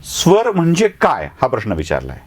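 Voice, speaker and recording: A man's voice: mid-range voice, wildly swooping pitch, normal speed. A man teaching a class, who sounds out letters one by one and keeps asking the students rhetorical questions. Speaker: journalism teacher. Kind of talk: classroom lecture.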